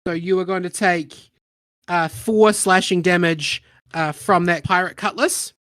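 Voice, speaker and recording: A game master narrating a tabletop game, measured and patient, pausing with uh and um. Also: mid-range voice, fairly even intonation, fairly bright tone, no room sound, studio quality. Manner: measured, patient, often says uh and um.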